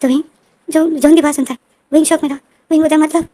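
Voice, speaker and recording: A woman narrates a fan story in a casual, conversational way. She often restarts and repeats phrases, and her voice sits a little high. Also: steady tone, quick pace, warm tone. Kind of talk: casual fanfiction retelling.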